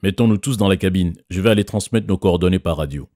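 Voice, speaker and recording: A man's voice: low-pitched, lively intonation, a little fast, breathy edge, no echo, clean studio sound. Man doing a commanding storybook father. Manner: loud, giving orders. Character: commanding father, calm in a crisis.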